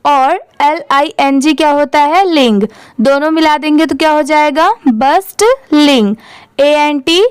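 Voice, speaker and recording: A woman's voice: high-pitched, fairly even intonation, no echo. A woman teaching English reading, spelling words out letter by letter and asking questions she answers herself. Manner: spells words letter by letter, then says them slowly; asks learners questions and answers them herself. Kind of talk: slow spelling-out reading lesson.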